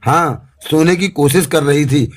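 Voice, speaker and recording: A man's voice: a little high, a little slow. A man voicing a stern older woman addressed as Amma, who speaks firmly and gives orders, in an audiobook. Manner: firm, commanding.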